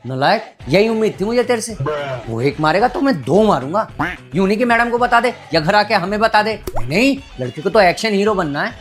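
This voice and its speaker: A woman's voice: medium pitch, lively intonation, fairly quick, soft background music, close to an everyday voice. A woman playing a strict, sarcastic father in a family comedy sketch. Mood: stern. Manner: stern, mocking. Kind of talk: comic family sketch acting.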